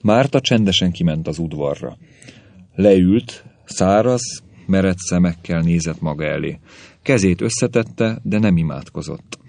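Deep-voiced male storyteller, dry sound. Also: lively intonation, vocal fry, darkish tone, dry recording. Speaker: narrator. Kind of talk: audiobook narration of a story.

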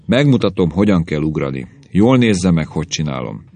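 A man's voice: sits low, sing-song, warm tone, dry recording, heavily acted. A man doing a pedantic old-school gym professor. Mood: lecturing. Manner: lecturing, corrective. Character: stern male professor of physical education, pedantic.

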